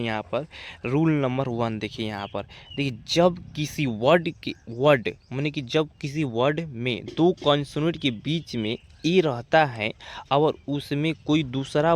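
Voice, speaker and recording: A young man teaching an English reading lesson, repeating himself often and spelling words out letter by letter before reading them. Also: mid-range voice. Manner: repetitive, keeps saying "dekhiye", spells words out letter by letter. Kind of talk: spoken lesson.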